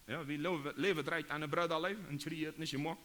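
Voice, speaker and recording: A man from Paraguay with a Mennonite Low German accent, preaching a sermon in halting, repetitive phrases. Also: steady tone, fairly bright tone, slight background noise.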